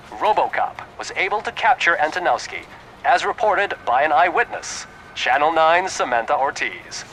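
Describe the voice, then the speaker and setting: An actor playing a brisk, formal television news anchor reading a scripted bulletin in a video game. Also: male voice, fairly high pitch, bright, forceful tone, poor audio.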